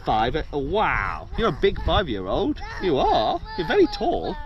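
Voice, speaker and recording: A woman's voice: sits low, wildly swooping pitch, measured pace, highs cut off, crowd noise. A woman chatting casually on a vlog outdoors at a sports field, laughing at her own slip-ups. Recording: loud outdoor noise.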